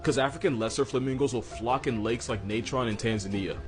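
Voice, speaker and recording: The narrator is a man whose medium-pitched voice moves a little fast as he reads scripted, comedic lines about animals. There's a slangy, sarcastic, wry edge to it, with background music underneath.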